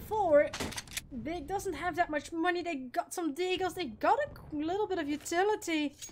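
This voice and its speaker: A woman's voice: extremely high pitch, moderate pace, a little mellow, a little hiss or hum. A woman from the Netherlands with a Dutch accent, in her late twenties, doing casual play-by-play commentary on an esports match and chatting with viewers. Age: late 20s. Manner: chatty, teasing, answers chat questions between calls. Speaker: esports caster.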